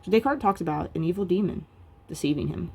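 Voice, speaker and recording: A woman with a low voice and a warm, soft tone explains philosophy in a video lecture. She talks casually and loosely, filling the pauses with "um" and "like". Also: gravelly, slightly rough. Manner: casual and chatty, many fillers like "um" and "like".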